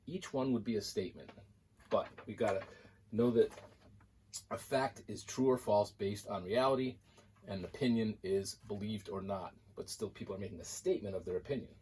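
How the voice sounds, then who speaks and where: A man with a fairly low voice gives a classroom lecture, talking through examples on a board. He explains in an easy, conversational way, and faint noise sits under the recording. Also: moderate pace, warm tone, rough recording. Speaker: college math instructor.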